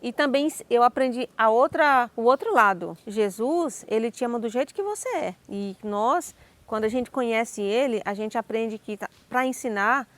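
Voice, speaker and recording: A Brazilian Portuguese woman tells her personal story in a lively, animated way and acts out every exchange. Her voice sits a little higher than most, and the recording is close and dry. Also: normal speed, no room sound. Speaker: vlogger telling her life story.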